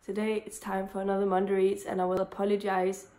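A book vlogger in her twenties chats casually about books in a home vlog, recorded indoors in a room with bookshelves. Her mid-range, warm voice is strained by a cold, and she talks fast in a completely flat delivery, rambling and often restarting.

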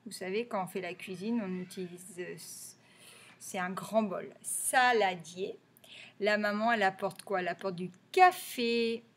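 In an early reading lesson for young children, a woman with a medium-pitched voice speaks at normal speed. She teaches French reading patiently, repeating every word and emphasizing its sounds.

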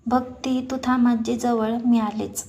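A gentle, loving young woman, as a woman narrator voices her, soft and earnest. Her voice is mellow and fairly high with little swing. The heroine of a told story. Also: flat delivery, measured pace, vocal fry, a little hiss or hum.

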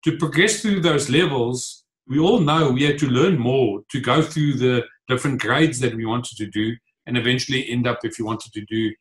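This rough video-call recording captures an Afrikaans-speaking author and entrepreneur in his forties, from South Africa's Free State, earnestly taking interview questions in his home office. He talks at a normal speed with hardly any pauses in a mid-range voice, gesturing as he goes and leaning on frequent fillers.

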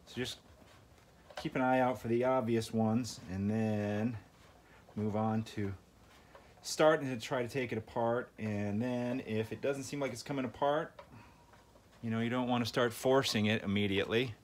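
Working at an indoor table, the host of a tinkering channel walks through a repair casually, thinking out loud in a folksy manner. His voice is medium-pitched and steady, at a moderate pace. Clicks and handling sounds come through clearly in the background.

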